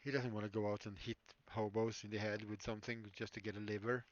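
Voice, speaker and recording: A prop maker livestreams from his workshop, chatting casually as he builds props, rambling and musing with plenty of fillers. His fairly low voice is fast with little pitch movement, and the stream audio is dull, lo-fi, dry and echo-free.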